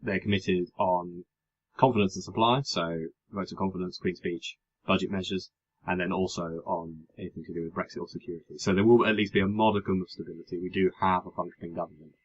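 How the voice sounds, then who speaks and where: A man's voice: low voice, steady tone, fast talker, highs cut off. A man co-hosting a podcast, chatting casually and wryly about politics, rambling with hesitant fillers. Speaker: podcast co-host.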